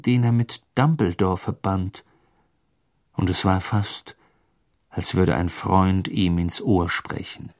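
Reading a storybook with drama and expression, a low-voiced male audiobook narrator is captured in a dry, close recording. No room ambience surrounds his voice.

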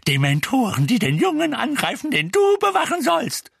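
A man voicing a shrill, bossy old woman neighbour who screeches and scolds in an audiobook. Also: big pitch swings, normal speed, slightly rough, dry recording, clean studio sound, full character voice. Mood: furious shrieking.

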